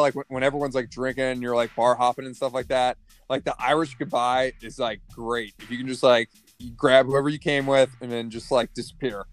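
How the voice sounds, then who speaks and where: A young man co-hosting a podcast in casual chat, rambling and filling every sentence with "like". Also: medium pitch. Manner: rambling, heavy use of "like", acts out party voices. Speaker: podcast co-host.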